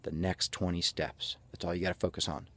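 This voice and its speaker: Low-pitched man giving a breathless pep speech. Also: little pitch movement, a little fast, a bit bright. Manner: breathless from exertion while walking; folksy, jokey self-narration in the third person. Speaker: motivational coach. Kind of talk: halftime pep speech to camera.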